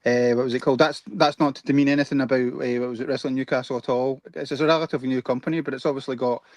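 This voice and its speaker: A man in a casual chat, talking haltingly and repeating "eh, what was it". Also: mid-range voice, fairly even intonation, dry recording. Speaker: guest co-host.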